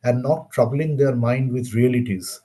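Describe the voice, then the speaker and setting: A man with an Indian accent giving a webinar lecture on science history, measured and halting with pauses. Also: mid-range voice, dark tone. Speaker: webinar speaker.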